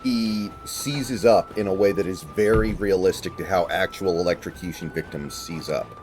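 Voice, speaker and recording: A man's voice: low voice, normal speed, a little mellow, soft background music. A man streaming a video game, chatting casually in an analytical, rambling way with some swearing. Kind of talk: casual chat over gameplay.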